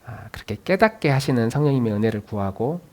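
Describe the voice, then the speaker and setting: A man, a pastor, preaching a sermon, swinging between loud, urging lines and soft, musing asides. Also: a little high, sing-song, brisk. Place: church sanctuary.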